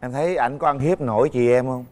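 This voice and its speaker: A man's voice: medium pitch, brisk, darkish tone, a little hiss or hum. A man hosting a dating show with joking banter. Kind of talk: lively banter.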